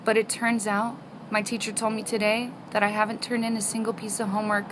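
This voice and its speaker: A woman voicing her young daughter, a quiet, earnest schoolgirl, in a retold story. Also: mid-range voice, level tone, brisk, heavy background noise, close to an everyday voice. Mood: sheepish.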